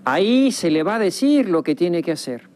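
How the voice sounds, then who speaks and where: A man giving scripted documentary narration in a solemn, measured voice with dramatic pauses. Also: high voice, big pitch swings, darkish tone. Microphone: studio voice-over. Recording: voice-over over guitar music. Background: guitar music.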